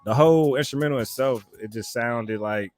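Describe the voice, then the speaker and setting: Chill guy cohosting a podcast, kinda halting, mid voice, faint music behind. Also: mid-range voice, dry recording. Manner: laid-back, halting, laughing. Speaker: podcast co-host. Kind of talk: casual podcast chat.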